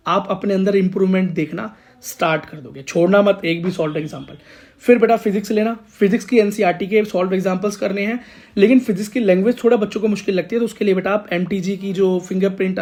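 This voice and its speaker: A man's voice: high voice, a little mellow. A man teaching exam coaching, giving motivational study advice in an urging, repetitive way and calling his students "beta". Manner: exhorting, repeats lines, calls students "beta".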